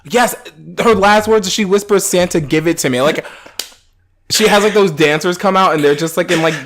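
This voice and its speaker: A man on a casual film podcast with a slightly higher-than-average voice. He retells scenes with animated, acted-out reactions and swears freely. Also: moderate pace, slight background noise. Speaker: podcast co-host. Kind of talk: casual film review chat.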